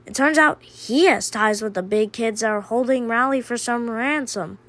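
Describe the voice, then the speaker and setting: A woman telling a first-person diary story in a deadpan, unhurried way. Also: a little high.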